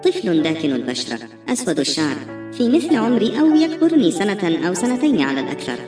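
A woman reading a novel aloud in a brisk, steady storytelling manner. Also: medium pitch. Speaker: audiobook narrator. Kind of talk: scripted novel narration. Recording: roomy echo, distant mic, faint music.

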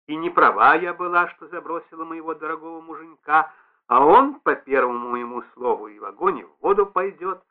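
A man's voice: on the high side, a little fast, lightly acted. A man reading aloud and voicing a stout, fussy middle-aged concierge woman who talks in a wheedling, reproachful, effusive way. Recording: tinny band-limited radio broadcast.

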